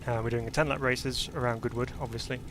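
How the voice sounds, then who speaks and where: A man's voice: mid-range voice, steady tone, fast, background noise. A man streaming a sim race and commenting as he drives, in a chatty, upbeat way with many fillers. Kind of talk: live-stream commentary while racing. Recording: jazz music playing behind.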